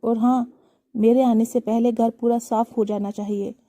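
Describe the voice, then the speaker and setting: A woman voicing a harsh young daughter-in-law who shouts contemptuously at her in-laws. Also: fairly high pitch, flat delivery, a little slow, no room sound, studio quality, natural voice. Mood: scolding.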